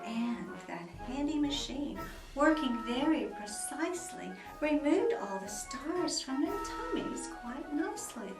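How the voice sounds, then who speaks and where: A woman reading a children's book aloud at home, dramatic and expressive with soft whispers. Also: high voice, a little slow. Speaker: storyteller. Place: room at home. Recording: roomy echo, mic at a distance, faint music.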